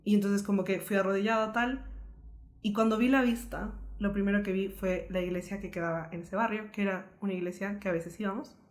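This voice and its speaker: A young woman from Colombia earnestly telling a painful personal story as a podcast co-host, in a lively, flowing way. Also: mid-range voice, fairly quick.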